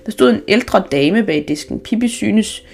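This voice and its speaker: A woman reading a children's story aloud, unhurried, with small restarts. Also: medium pitch, expressive, creaky, a little mellow.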